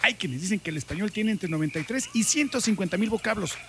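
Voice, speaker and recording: A man's voice: high-pitched, fast talker, gravelly, noisy background. A man with a Mexican accent reading a scripted, playful news voice-over for radio. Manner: playful, lively voice-over delivery. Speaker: radio reporter. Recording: narration over background music.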